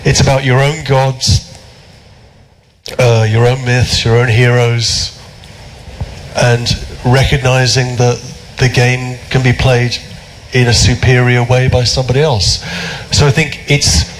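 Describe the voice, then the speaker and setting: Animated British man telling stories. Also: medium pitch, slow, a little hiss or hum, poor audio. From Britain. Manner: animated, lively storytelling with frequent fillers and restarts. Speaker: guest philosopher. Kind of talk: conversational public talk.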